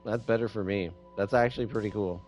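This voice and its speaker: Over background music, a man streams a game with casual, musing commentary, reading game dialogue aloud and often repeating himself. His voice is lowish and darkish in tone, fast and fairly even in intonation.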